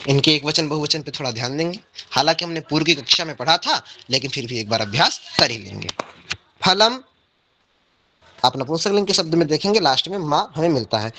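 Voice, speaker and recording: A man leads an online language class, drawing out each word slowly in careful recitation drills. His voice is bright and forceful and sits a little high, with a lively, rising-and-falling pitch. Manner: recites word pairs slowly and carefully, then explains meanings. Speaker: Sanskrit teacher.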